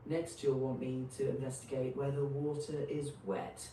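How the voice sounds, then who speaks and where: A woman's voice: rumbling low, little pitch movement, normal speed, warm tone, slight background noise. A synthetic female assistant voice, played from a device, voicing a snarky, sarcastic AI character with over-the-top mocking delivery. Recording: roomy, distant device playback.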